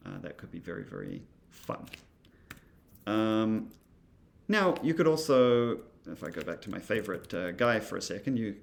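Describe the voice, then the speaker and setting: Male instructor, low and gravelly, casual demo talk full of fillers. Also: animated, normal speed, a little hiss or hum. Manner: thinking aloud, many fillers and asides. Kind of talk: casual walkthrough of software.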